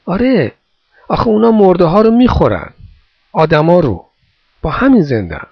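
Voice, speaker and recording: A man's voice: high voice, huge pitch swings, creaky, slightly rough, no echo, voice pushed up, full character voice. A man doing a small, earnest, weary boy. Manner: earnest, pleading childlike delivery. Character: small war-orphaned boy, worn out, watchful. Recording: dull dry recording.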